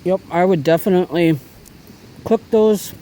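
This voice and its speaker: A man's voice: sits high, moderate pace, mellow, a little hiss or hum, low-quality recording. Easygoing man chatting outdoors. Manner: chatty, easygoing, talks while eating. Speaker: bushcraft vlogger. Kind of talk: casual outdoor cooking vlog. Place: outdoors by a cooking fire.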